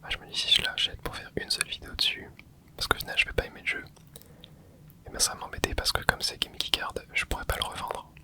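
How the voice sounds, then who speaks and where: This gaming channel host talks fast with a sharp tone, whispering casual commentary while playing. He's hesitant and rambling, thinking aloud and filling gaps with frequent filler words.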